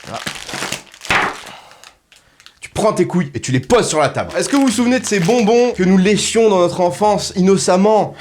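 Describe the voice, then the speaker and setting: A man's voice: high-pitched, animated, normal speed, pauses often, darkish tone, slight background noise. A man hosting a comedic cocktail tutorial, talking straight to the viewer in crude, ironic, mock-serious patter. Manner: addresses viewer directly. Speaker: host.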